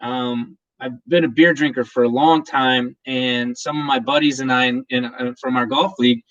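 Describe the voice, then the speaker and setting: A man's voice: medium pitch, fairly even intonation, moderate pace, fairly bright tone, dull audio. Chatty man hosting a casual livestream. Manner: chatty, rambling with many restarts. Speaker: livestream host. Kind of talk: casual chat.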